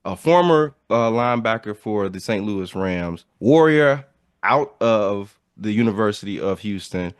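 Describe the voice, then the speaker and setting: A male podcast host with a fairly low voice, recorded dry and close. He talks in a loose, upbeat way, stacking hype phrases and repeating himself for emphasis. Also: animated, unhurried, clear, resonant tone, no room sound. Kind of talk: casual podcast chat.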